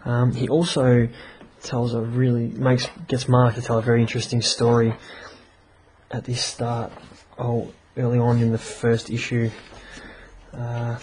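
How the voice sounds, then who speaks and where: Male podcaster, casual comic review, flat delivery, stop-start with fillers. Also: mid-range voice, a little hiss or hum, rough recording. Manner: chatty, halting with many fillers. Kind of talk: casual review and story reading.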